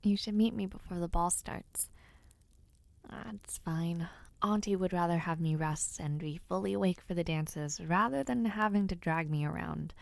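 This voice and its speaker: A woman voices a playful, affectionate young noblewoman knight in an audio roleplay. Her fairly low, creaky voice stays soft, teasing and intimate, often slipping into whispers, with no echo.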